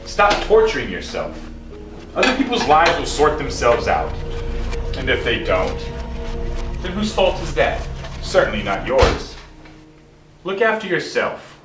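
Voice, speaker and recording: A silver-tongued devil salesman, lively swoops in pitch, mocking and persuasive, clear music under a film scene. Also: a little slow, long pauses. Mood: soothing. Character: smooth-talking male devil posing as a salesman, scornful of humanity. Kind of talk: short film acting.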